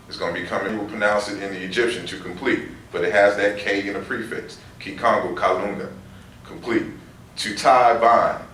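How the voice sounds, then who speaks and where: A man's voice: fairly low pitch, fairly bright tone. A man giving a lecture, explaining words and reading out long lists of them. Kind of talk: lecture on word roots. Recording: roomy echo from far off, faint noise.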